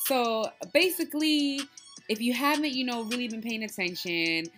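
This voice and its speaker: A woman's voice: a little high, normal speed, soft background music. A woman co-hosting a casual podcast, chatting loosely and laughing as she recaps and reviews a movie. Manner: animated, laughing, loose storytelling. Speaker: podcast co-host.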